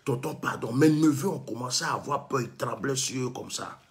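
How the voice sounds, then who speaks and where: Gravelly impassioned man with an Ivorian accent. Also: mid-range voice, a little fast. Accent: Ivorian French. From Côte d'Ivoire. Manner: impassioned, scolding, acts out dialogue. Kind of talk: heated monologue and storytelling.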